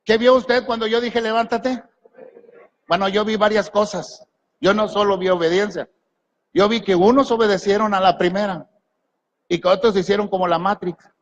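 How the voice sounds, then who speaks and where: A man's voice: high voice, steady tone, normal speed, long pauses, muffled recording. A man preaching a sermon as pastor, asking the congregation questions and giving them commands. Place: large church hall. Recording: long echo of a church hall.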